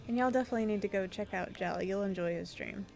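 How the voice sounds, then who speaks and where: A woman co-hosting a gaming livestream, chatting casually and warmly welcoming viewers. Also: mid-range voice, fast, vocal fry, soft background music. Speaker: streamer co-host.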